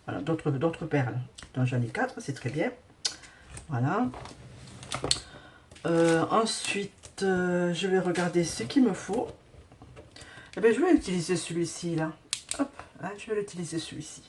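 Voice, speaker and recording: A woman's voice: lowish voice, expressive, unhurried, pauses often, a little hiss or hum. A woman hosting a casual craft tutorial who hesitates often with fillers while she sorts beads and talks to viewers.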